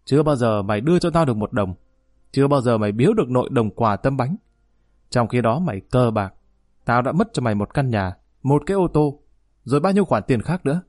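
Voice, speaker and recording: A man voicing a stern aging father who loudly scolds his grown son in an audiobook reading. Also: mid-range voice, no echo, studio quality, close to an everyday voice. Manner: harsh, scolding, loud. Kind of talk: audiobook narration.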